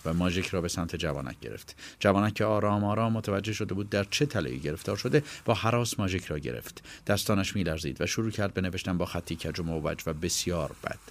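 A man narrating a story in a calm, measured audiobook reading. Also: low voice. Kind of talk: scripted narration.

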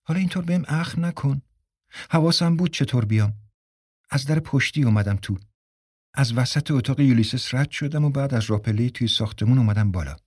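Stubborn young wife read by a male narrator: raised pitch, insistent, dry audiobook read. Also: darkish tone, slightly rough, no room sound, lightly acted. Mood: defiant. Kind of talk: audiobook character reading.

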